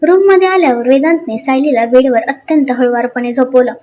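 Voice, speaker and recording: Woman telling a dramatic story, high voice, faint hiss in the background. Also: brisk, dark tone.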